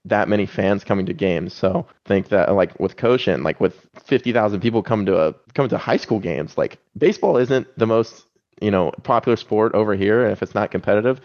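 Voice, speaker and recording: A man in his twenties speaking in a casual interview as a guest, relaxed and rambling with many fillers and restarts. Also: on the low side, a little fast, muffled recording. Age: 20s. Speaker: professional baseball pitcher, guest.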